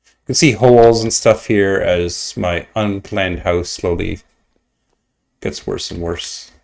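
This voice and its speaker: Slow and low-set, his voice has fairly even intonation, vocal fry and a slightly mellow quality. He is streaming his gameplay at the computer, rambling casually, making fun of himself and muttering asides.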